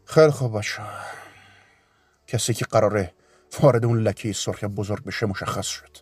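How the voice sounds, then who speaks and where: A man voicing a weary, gentle middle-aged father who is poor, speaking quietly and in a measured way. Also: on the low side, slightly rough, no echo, voice pushed down. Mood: resigned.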